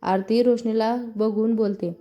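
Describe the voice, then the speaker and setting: A woman with a Marathi accent reading a scripted story aloud, voicing all the characters' lines in her own even narrating voice. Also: fairly high pitch, a little slow, highs cut off. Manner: reads all parts in one even narrating voice.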